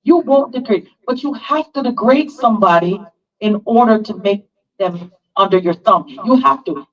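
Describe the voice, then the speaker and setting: An earnest town hall moderator speaks in measured, reflective terms. The voice comes from a distance, and the sound is dull and lo-fi. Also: mid-range voice. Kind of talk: reflective public speech.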